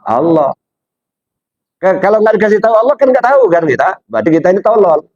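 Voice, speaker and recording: A man giving a religious study lecture, asking his listeners rhetorical questions and jumping up in pitch to stress his points. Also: sing-song, fast, a little mellow, no echo, muffled recording. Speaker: Islamic religious teacher.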